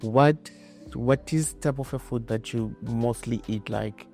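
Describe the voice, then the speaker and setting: A man hosting a podcast interview, hesitant, filling pauses with "um" and repeating "I see". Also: mid-range voice, a little mellow, soft background music. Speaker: podcast host. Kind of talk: casual interview.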